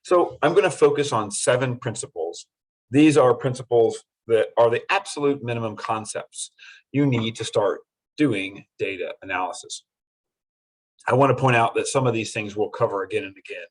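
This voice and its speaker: A middle-aged man delivers a university lecture, earnest and repetitive as he drives his points home. His voice is slightly husky and sits at an ordinary pitch for a man. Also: poor audio. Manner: earnest, repetitive, acts out students in quotes. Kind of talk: classroom lecture.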